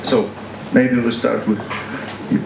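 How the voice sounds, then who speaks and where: A man moderates a panel discussion in halting English, full of ums and uhs. He sounds distant from the microphone in a large echoing hall, with steady background noise. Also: mid-range voice, creaky. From Poland. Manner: many fillers, halting. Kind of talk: hesitant spoken English at a panel. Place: event hall with audience. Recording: echoey hall, distant mic, noisy.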